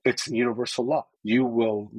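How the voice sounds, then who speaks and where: A man's voice: medium pitch, steady tone, moderate pace, darkish tone, slightly rough, no echo, rough recording. A man telling his story openly and earnestly as a podcast guest, with many casual filler words. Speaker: podcast guest, sales leader. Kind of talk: candid personal storytelling.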